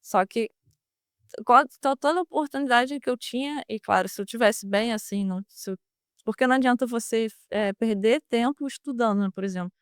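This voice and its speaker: A young woman with a Brazilian Portuguese accent, a former student who now serves as a merchant navy officer, answers interview questions as a guest. Her smooth, clear voice sits a little high, and she speaks briskly and earnestly, with plenty of fillers and restarts. The recording is dry and close, with no room sound.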